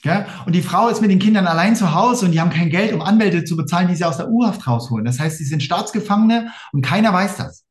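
A man with a German accent telling his story fast and emphatically in a casual interview, acting out quoted exchanges. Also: sits high, animated, roomy sound. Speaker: interview guest.

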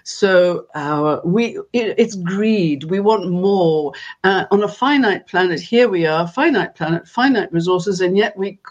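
A woman speaking earnestly as an interview guest, phrasing deliberately and repeating points for emphasis. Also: on the low side. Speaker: interviewed guest and spokesperson for an organisation. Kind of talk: earnest interview answer on world affairs and spirituality.

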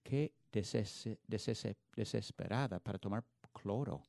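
A man's voice: fairly low pitch, takes it slowly, gravelly, darkish tone, dry recording, clean studio sound. A man preaching a sermon in an earnest, emphatic way, often restarting words mid-phrase. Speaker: pastor.

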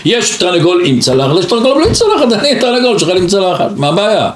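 Sage playing a rooster, a man voicing him: insistent, innocent questions, high lively pitch. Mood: mock-innocent. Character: wise man pretending to be a rooster, playful. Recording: roomy echo.

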